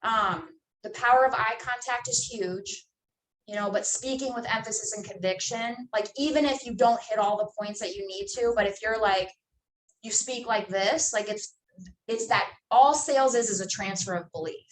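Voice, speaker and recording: Young woman running a sales training, chatty and emphatic, kinda high voice, echoey and far from the mic. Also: normal speed, a little hiss or hum. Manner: emphatic, chatty, lots of fillers. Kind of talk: training session for new sales agents. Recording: echoey room from far off, faint ambience.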